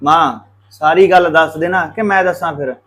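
A man's voice: on the high side, normal speed, a bit bright, lightly acted. An actor playing a hot-tempered young brother who harshly orders his family around to force his sister's marriage. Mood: angry. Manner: harsh, threatening, commanding. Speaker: angry brother. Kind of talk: Punjabi short-film drama.

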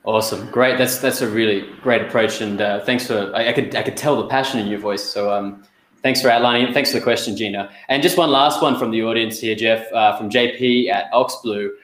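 A man's voice: on the low side, fairly even intonation, fairly quick, a bit bright. A young man hosts an online interview, friendly and upbeat as he passes along audience questions. His voice comes through a webcam mic in a noticeably echoey room, with a few restarts as he goes. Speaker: host. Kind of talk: business video interview. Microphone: webcam on a video call. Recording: echoey room on a video call.

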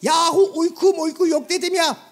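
A man voicing Hacivat, a prim, formal male shadow-play gentleman who grows more and more exasperated with his partner. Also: very high voice, fairly even intonation, moderate pace. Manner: fussy, formal and increasingly exasperated. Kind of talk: comic shadow-play sketch.

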